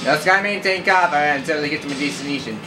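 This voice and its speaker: A man's voice: on the high side, fast, music in the background, rough recording. A man casually narrating a driving game, rambling and joking at himself while role-playing his character. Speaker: gameplay commentator.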